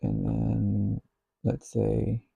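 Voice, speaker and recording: Slow, gravelly man musing to himself. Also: fairly low pitch, monotone, warm tone, no echo. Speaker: software developer. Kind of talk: thinking aloud while coding.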